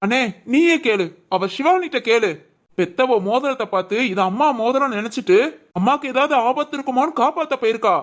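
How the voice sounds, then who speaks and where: A woman's voice: on the high side, expressive, brisk. A woman voicing the members of a homemade family drama in an emotional, conversational way.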